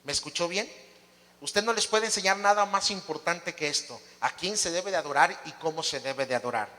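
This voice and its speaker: Brief: male pastor, high bright voice, emphatic sermon delivery, reverberant church hall. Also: a little fast. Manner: emphatic preaching with rhetorical questions to the congregation.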